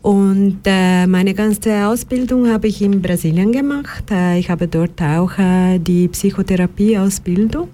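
A middle-aged woman from Brazil with a Brazilian Portuguese accent, a psychologist and counselor speaking as a radio guest, hesitant with many pauses and fillers. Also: mid-range voice, dark tone. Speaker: psychologist and victim support counselor. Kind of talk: radio talk show guest.

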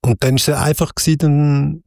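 A man with a Swiss German accent chats casually with a musician he is interviewing, often closing his points with a questioning "oder?". His voice is on the high side, level, a little fast, creaky and darkish. The recording is studio quality with no room sound.

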